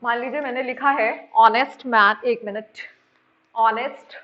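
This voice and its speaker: High-voiced woman teaching a grammar lesson. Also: steady tone, normal speed. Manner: repetitive, quizzing students with questions. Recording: dull lo-fi sound.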